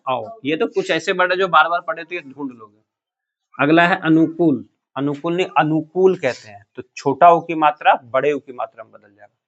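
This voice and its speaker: A slightly high-voiced man leads a classroom lesson, regularly quizzing his students and echoing their replies. His voice is a bit bright, but the audio sounds dull and muffled, like an inexpensive classroom recording.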